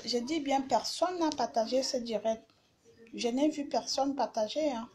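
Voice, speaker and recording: A woman's voice: high voice, darkish tone, slightly rough. A woman hosting a live stream, talking casually and bluntly, repeating herself as she insults her critics.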